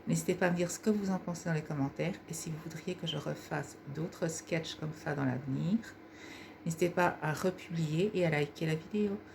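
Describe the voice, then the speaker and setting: A woman with a husky voice, hosting her own sketch video and talking casually to her viewers. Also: low voice, a little fast, background noise. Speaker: sketch video creator and host. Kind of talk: casual vlog talk to viewers.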